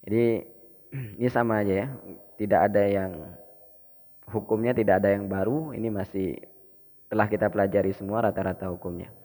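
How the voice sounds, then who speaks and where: A man with an Indonesian accent teaching Quran reading, explaining rules slowly and chanting verses in a drawn-out melodic way for students to repeat. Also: lowish voice, fairly even intonation, darkish tone. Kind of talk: Quran recitation lesson. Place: mosque hall. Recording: long reverb of a mosque hall.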